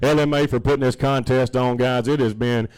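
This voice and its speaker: A man's voice: mid-range voice, fairly even intonation, fairly quick, darkish tone. A man with a Southern US accent, giving a short address as an auctioneer contestant into a close microphone. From Alabama, United States. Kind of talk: thank-you speech at a live auction. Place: indoor livestock auction arena. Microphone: stand microphone held close.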